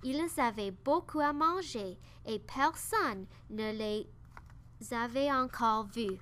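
A woman reading a children's story aloud, slow and careful. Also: a little high, fairly bright tone, a little hiss or hum. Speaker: narrator.

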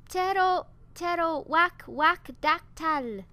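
A woman's voice: high-pitched, animated, slow, heavily acted. A woman doing a clumsy young pterodactyl. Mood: straining. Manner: straining, shouting garbled syllables.

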